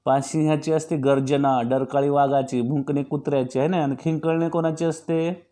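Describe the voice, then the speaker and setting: A man's voice: on the high side, level tone, normal speed, dark tone. A man teaching young pupils, going through each quiz option and patiently answering his own questions. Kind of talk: exam-practice lesson for young pupils.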